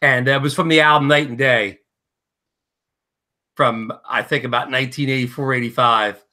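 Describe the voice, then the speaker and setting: Hesitant bright-voiced man near sixty. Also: mid-range voice, fairly even intonation, moderate pace. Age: 50s. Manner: hesitant, stammering, fussy about details. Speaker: co-host. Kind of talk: casual online chat.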